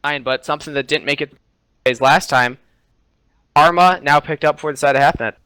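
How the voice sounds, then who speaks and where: Male co-caster, bright and crisp, confident, dry close sound. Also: fairly high pitch, moderate pace, no echo, poor audio. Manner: confident, opinionated, hesitant fillers. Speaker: esports co-caster. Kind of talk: color commentary.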